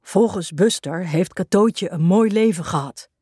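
Big wise dog, storybook, woman voicing, calm, comforting, slow, dry. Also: lowish voice, husky, dry recording. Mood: gentle.

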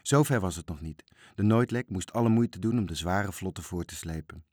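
A man narrating a children's storybook aloud, reading expressively and slowing down at the sad moments. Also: low-pitched, darkish tone, no room sound, clean studio sound.

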